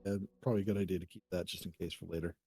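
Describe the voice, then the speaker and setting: A man's voice: low voice, fairly even intonation, racing, gravelly, dark tone, soft background music. A man playing a tabletop game, thinking aloud with hesitant fillers. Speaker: player. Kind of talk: casual game chat.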